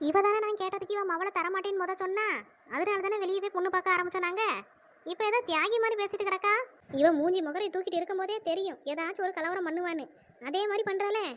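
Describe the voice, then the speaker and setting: A performer voicing a sharp-tongued village wife in a cartoon, grumbling sarcastic asides. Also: steady tone, fast talker. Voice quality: high squeaky cartoon voice. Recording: dull lo-fi audio.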